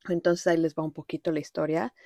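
This woman from Mexico City hosts a podcast, and her Mexican-accented voice is low, level, gravelly and mellow, moving at a quick pace. She tells reflective personal stories in a loose, rambling monologue, sprinkled with English words, in clean studio sound with no echo.

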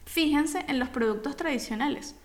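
A woman with a fairly high voice co-hosts a casual podcast. She explains each point in an emphatic, teacherly way. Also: moderate pace, darkish tone. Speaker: podcast co-host.

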